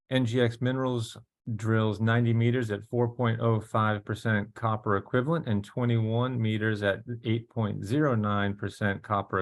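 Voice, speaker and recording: Formal male webinar moderator. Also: fairly low pitch. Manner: measured, formal. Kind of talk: scripted introduction.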